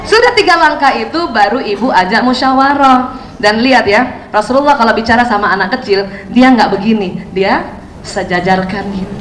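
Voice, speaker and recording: A woman speaker giving a lively parenting seminar, chatting with her audience and often asking them questions. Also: fairly high pitch, normal speed, a little hiss or hum. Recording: roomy hall sound, faint ambience.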